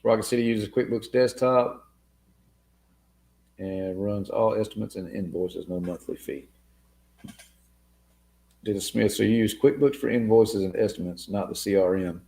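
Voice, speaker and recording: A man's voice: on the low side, a little slow, gravelly, pauses often, mellow. A man hosting a casual live Q&A stream, answering viewer comments in a laid-back way and calling listeners man and dude. His voice is wearing thin. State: losing his voice.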